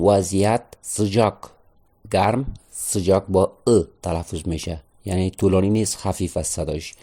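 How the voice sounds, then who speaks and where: A man teaching an online language lesson, patiently repeating each word slowly and explaining how to pronounce it. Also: sits low, dark tone. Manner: patient, repeats words slowly and spells out pronunciation.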